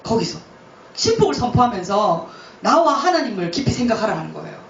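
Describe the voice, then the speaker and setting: A woman missionary tells her faith story with a high voice that rises and falls a lot, often laughing as she speaks. The sound is dull and comes from some distance in an echoey church hall. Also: very animated, brisk, a little hiss or hum. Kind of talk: testimony talk.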